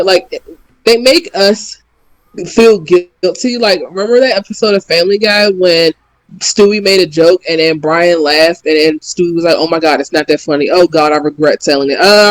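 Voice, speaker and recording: A man co-hosting a podcast in casual chat, animated and swearing, often acting out reactions. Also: high-pitched, poor audio. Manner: animated, profane, slips into impressions. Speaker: podcast co-host.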